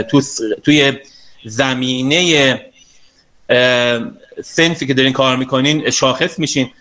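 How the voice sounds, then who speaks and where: A man's voice: mid-range voice, fairly bright tone. A man teaching an online class as a sales and communication trainer. He speaks straight to his students in a chatty, coaxing way and teases them lightly.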